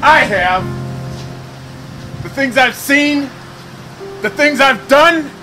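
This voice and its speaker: An actor playing a bitter, war-haunted old sea captain with a melodramatic, halting delivery in a noir parody. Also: male voice, very high-pitched, animated, over music, exaggerated voice, low-quality recording. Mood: embittered rant. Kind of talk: scripted film noir parody.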